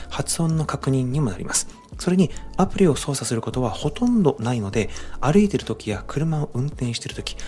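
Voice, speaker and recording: A man's voice: medium pitch, darkish tone. A man giving a friendly, upbeat spoken summary of a book, talking straight to the viewer with tips and suggestions, over faint background music. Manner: upbeat, addresses viewers directly with recommendations. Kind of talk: friendly explanatory narration.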